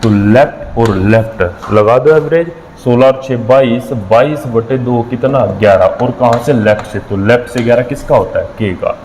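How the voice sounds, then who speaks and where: Male tutor, mid-pitched, steady classroom explaining, long echoey reverb, faint hiss. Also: moderate pace, few pauses. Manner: explains step by step, counting aloud with frequent checks. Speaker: maths and reasoning teacher. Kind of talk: exam-prep lesson.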